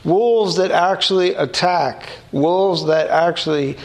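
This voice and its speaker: A man's voice: a little high, slow pace. A man, preaching a conversational sermon, reading scripture aloud and asking rhetorical questions. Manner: reads scripture aloud between comments. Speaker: pastor.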